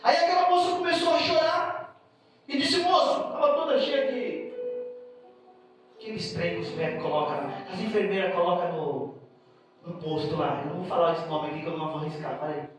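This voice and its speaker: Mineiro pastor guy preaching, emotional, shouts now and then, far from the mic with music playing. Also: sits high, steady tone, fairly quick, very echoey. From Brazil. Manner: emotional storytelling, bursts into shouting. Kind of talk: sermon.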